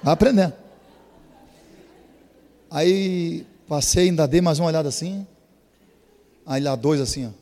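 A male preacher telling a story in a sermon, animated and bursting into shouts. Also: fairly high pitch, a little slow, long pauses. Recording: reverberant hall.

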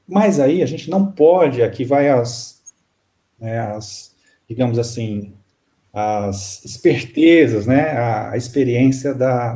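A man, a spiritist counselor, telling a story in an interview in a calm, halting way with many fillers. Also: mid-range voice.

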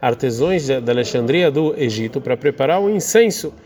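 A man's voice: mid-range voice, expressive, a little fast, a little mellow. A man teaching Talmud, reading Hebrew phrases aloud and then explaining each one, with some hesitation. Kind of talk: reading and translating a text aloud.

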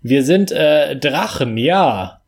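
A man reading a story aloud, acting out the shouted lines in the dialogue. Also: a little high, animated, slow pace, husky. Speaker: reader.

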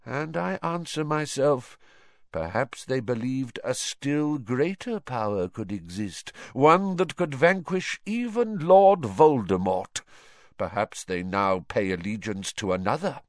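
Man acting as dark wizard lord, cold, menacing, deliberate, swooping pitch, unhurried storybook villain. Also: lively intonation, no echo, clean studio sound. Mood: brooding, proud. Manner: deliberate, theatrical, mock-disappointed menace.

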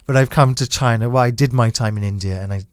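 A man's voice: mid-range voice, quick pace, dry recording, clean studio sound. A man in his thirties chatting casually, laughing often and restarting his sentences. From United Kingdom. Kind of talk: casual conversation.

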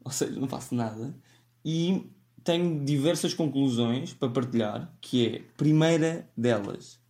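A man's voice: medium pitch, measured pace, gravelly, dark tone. A man with a European Portuguese accent hosting a solo podcast, talking in a rambling, self-mocking way with frequent restarts. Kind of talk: rambling casual monologue.

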